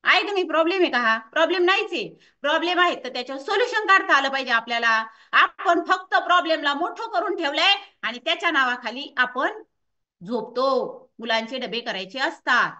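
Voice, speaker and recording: A woman fitness coach lectures her associates in a lively, scolding way, breaking into the voices of clients making excuses. Her voice is high and bright. She sits a little away from the mic, and the recording is dull and lo-fi. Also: a little fast, distant mic. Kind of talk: motivational workshop talk.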